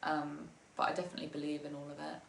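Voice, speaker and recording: A woman's voice: deep voice, little pitch movement, fast, creaky, a bit bright, roomy sound, slight background noise. A young English woman, a musician, chatting casually in an interview, laughing often and filling with ums and likes. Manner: giggly, with many ums and likes.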